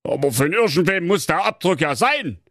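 A man's voice: a little high, sing-song, moderate pace, fairly bright tone, dry recording, studio quality, voice pushed up. A man voicing a sly, defensive male wolf suspect who blusters and waves off blame. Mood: blustering. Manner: blustering, dismissive.

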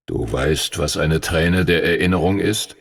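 A man voicing an ancient, gruff male dragon mentor who speaks slowly and gravely in a deep, stern voice. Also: no room sound, heavily acted. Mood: ominous. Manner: stern, scolding, ominous.

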